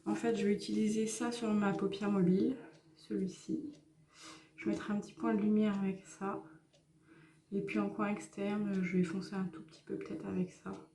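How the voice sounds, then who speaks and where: A woman's voice: medium pitch, level tone, normal speed, roomy sound, crowd noise. A woman talking through a makeup tutorial in a casual, hesitant way with many fillers. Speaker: makeup vlogger.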